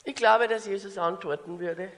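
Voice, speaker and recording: A woman's voice: medium pitch, moderate pace. Lady preaching, earnest storyteller, long echo in a hall. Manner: earnest and storytelling, drops to a hush for emphasis. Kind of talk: sermon. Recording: echoey hall.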